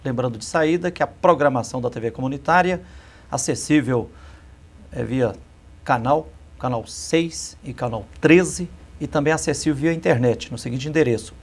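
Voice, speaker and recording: A man from Minas Gerais with a Brazilian accent hosting a community TV interview, speaking slowly with many pauses and fillers. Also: medium pitch. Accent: Brazilian Portuguese, Minas Gerais. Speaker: TV program host and interviewer.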